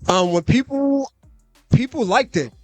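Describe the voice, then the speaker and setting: A young man from the US, guesting as a rapper, speaks in an extremely high voice at a measured pace, with faint music behind. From a live concert radio booth, he chats casually and loosely, leaning on fillers and "you know what I'm saying."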